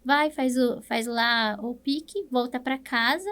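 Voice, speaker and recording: A speech therapist with a Brazilian Portuguese accent explains things patiently in an interview, often ending phrases with the tag question "né?" to check in. Her slightly high voice has a fairly bright tone and a slow pace.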